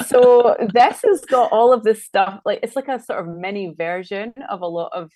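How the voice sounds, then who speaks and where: A woman's voice: medium pitch, normal speed, mellow, no room sound. A woman with a Scottish accent, a designer chatting casually and thinking aloud as she works through a live-stream demo. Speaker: designer guest.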